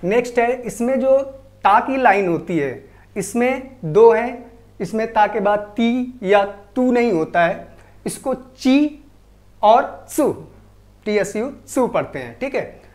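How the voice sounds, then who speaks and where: A woman teaching a language lesson, reading syllables one by one in a slow, deliberate drill on borrowed words. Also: fairly high pitch, animated, a little mellow. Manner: slow, deliberate, repeats each syllable clearly. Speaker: Japanese teacher.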